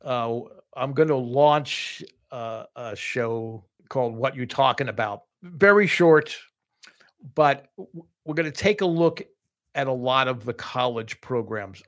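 Here a middle-aged podcast co-host discusses college sports with casual enthusiasm. His mid-range voice is a bit bright and unhurried, and he frequently repeats words and starts sentences over.

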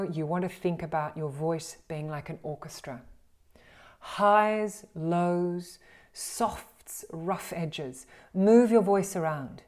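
A woman with an Australian accent, teaching voice and speaking skills in an animated, encouraging way and acting out the exercises she describes. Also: lowish voice. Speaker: voice and communication coach. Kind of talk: instructional talk on speaking skills.

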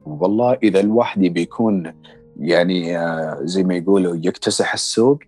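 A male voice-over artist chatting in an interview, talking fast with many fillers and restarts. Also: low-pitched, a little mellow, husky, faint music behind. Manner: quick, hesitant, many fillers. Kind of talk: casual interview chat.

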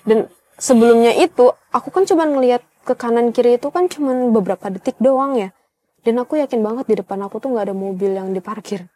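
Mellow-voiced young woman telling a story. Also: a little high, fairly quick. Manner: chatty, conversational, addresses viewers directly. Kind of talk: casual spoken horror story.

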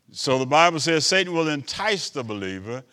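A male bishop preaching a sermon, asking "Amen?" of the congregation, swinging between loud emphatic lines and quiet asides. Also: a little high, sing-song, normal speed. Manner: preaching with call-and-response asides.

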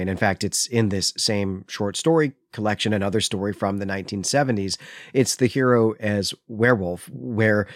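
A man with a lowish voice co-hosts a podcast recorded in studio quality with no echo. He recaps and comments on a literary story, explaining and retelling it in a conversational, lightly amused way.

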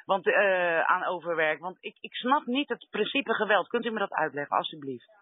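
A woman's voice: lowish voice, expressive, moderate pace, slightly rough. A woman arguing insistently and confrontationally as an activist caller making a heated complaint over a landline phone. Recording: roomy, tinny telephone line.

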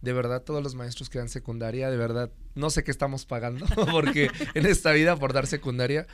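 A man's voice: mid-range voice, brisk, a bit bright. A middle-aged man who teaches secondary school, chatting casually with plenty of fillers. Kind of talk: casual conversational talk.

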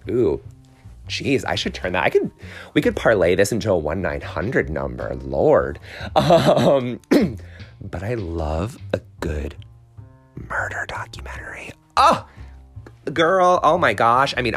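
A man hosting a rambling solo podcast chat, gushing and animated, full of exclamations and fillers. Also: on the low side. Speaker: podcast host.

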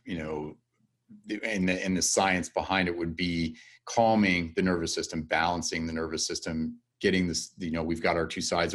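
A man hosting an interview, explaining ideas thoughtfully, with halting restarts. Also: deep voice. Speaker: interviewer, film host. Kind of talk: conversational interview.

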